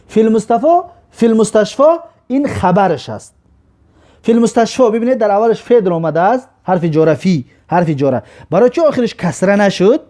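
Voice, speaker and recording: A man teaches a grammar lesson, walking through each example slowly and repeating every phrase. His voice sits high and moves a lot in pitch. The tone is mellow and dark. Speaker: Arabic teacher.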